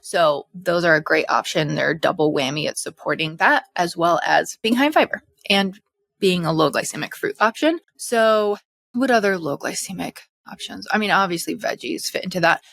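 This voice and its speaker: A young woman in casual educational talk, chatty and animated, a little out of breath, as a hormone health coach. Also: on the low side, gravelly, no echo. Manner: chatty, animated, full of fillers. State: slightly out of breath.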